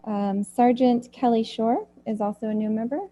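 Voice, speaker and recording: A woman running an online council meeting, introducing new members politely and briskly. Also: on the high side, fairly even intonation, warm tone, rough recording. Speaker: meeting facilitator.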